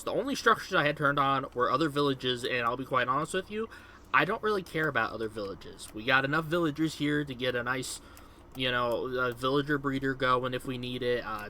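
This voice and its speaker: A man's voice: mid-range voice, bright, forceful tone, slight background noise. A young man, casually commentating on his own gameplay in a rambling, upbeat way, full of fillers. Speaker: gaming video host.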